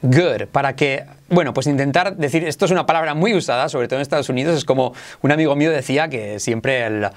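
A man with a Spain Spanish accent teaching English in an online lesson, enthusiastic and self-described as exaggerated, drilling words slowly for the listener to repeat. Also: medium pitch.

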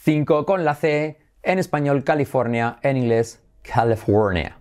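A man's voice: a little high, measured pace, a little mellow, smooth. A man with a Spain Spanish accent, teaching English pronunciation in an upbeat online lesson. He repeats words for drilling and drops in English phrases.

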